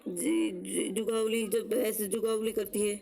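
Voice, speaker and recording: A woman's voice: mid-range voice, steady tone, gravelly, warm tone, faint music behind, low-quality recording. A woman teaching an exam-prep lesson, drilling terms with memory tricks, asking questions and answering them herself. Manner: explains slowly with rhetorical questions and answers; repeats words to drill them.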